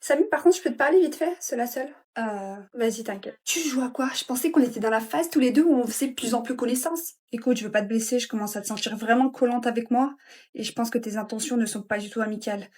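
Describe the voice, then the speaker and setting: A woman's voice: fairly high pitch, fast, a little mellow. A woman performing comedy sketches, trading brash slangy retorts as every character.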